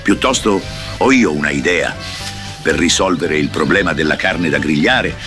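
A man's voice: extremely low pitch, moderate pace, music in the background. A man voicing a grumpy, foul-mouthed old mountain grandfather in a parody cartoon dub. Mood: gruff. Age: older. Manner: grumpy, vulgar, threatening.

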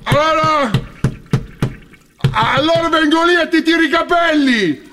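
A man playing a furious, sleepless housemate in a comedy sketch, shouting exasperated, foul-mouthed threats. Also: very high voice, unhurried.

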